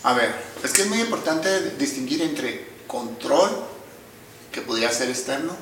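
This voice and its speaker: A middle-aged man, a psychotherapist explaining emotions in a calm, measured, teacherly way. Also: medium pitch, slight background noise. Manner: calm, measured, teacherly, often addresses listeners. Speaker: psychotherapist guest. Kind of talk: explanatory conversation. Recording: echoey room, distant mic.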